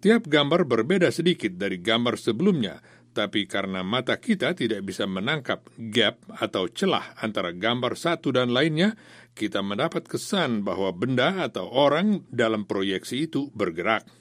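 A man's voice: medium pitch, sing-song, normal speed, fairly bright tone, no room sound. A man reading scripted news narration as a reporter.

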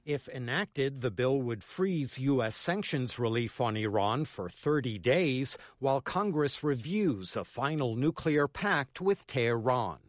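A man's voice: medium pitch, expressive, unhurried, few pauses, no echo, clean studio sound. An American man narrating a scripted radio news report as a correspondent, in a formal news reader delivery.

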